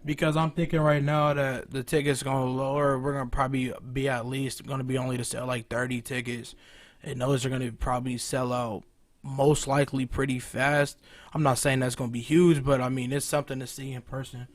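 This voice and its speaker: A man's voice: medium pitch, flat delivery, a little fast. A young man hosting a live stream show in a loose, casual chat style. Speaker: host.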